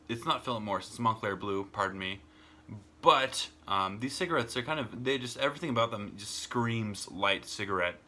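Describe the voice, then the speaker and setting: Rambling American man with a bright, tight voice. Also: fairly low pitch. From United States. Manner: rambling, repeats words, says "and whatnot" often. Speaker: YouTuber and smoking vlogger. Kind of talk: casual rambling monologue. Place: home smoking room with door open and fan on.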